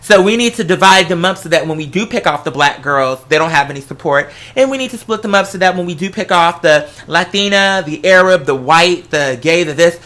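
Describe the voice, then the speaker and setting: Brisk and expressive, with hardly any pauses, this mid-range, sharp-toned voice belongs to an American vlogger giving casual, animated relationship advice. She's sassy, playful, and theatrical, breaking into song and frequently addressing the listener as "girl."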